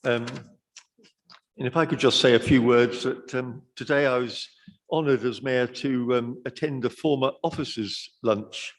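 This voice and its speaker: A man serving as mayor, chairing a council meeting and speaking earnestly, halting with many fillers. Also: medium pitch. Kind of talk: formal chairing and remarks. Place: council chamber. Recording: long reverb of a large chamber.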